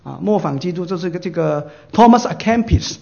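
A man's voice: high-pitched, animated, fairly quick, creaky, a little mellow, muffled recording. A male pastor preaching a sermon. He keeps asking his listeners questions and answering them himself, and he acts out short dialogues in livelier voices.

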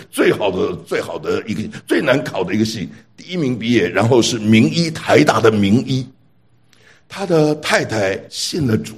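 A man preaching a sermon through a personal story, with an animated delivery, rhetorical questions and stammered restarts. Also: medium pitch, husky.

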